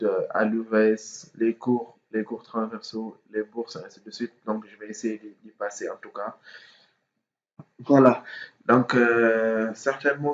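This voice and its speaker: In an informal explanatory video, a male student mentor with a mid-range voice walks students through procedures while congested from a cold. He is hesitant, full of fillers, repetitions, and restarts. The audio is dull and lo-fi with a roomy echo.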